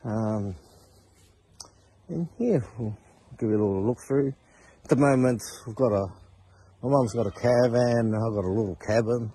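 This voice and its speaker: A man's voice: mid-range voice, normal speed, pauses often, dark tone, slightly rough. A man in his forties with a Māori New Zealand accent, talking casually to his phone in hesitant short phrases. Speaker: father showing his family's living setup. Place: outdoors in rural land. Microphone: phone at arm's length. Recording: noisy handheld phone recording outdoors.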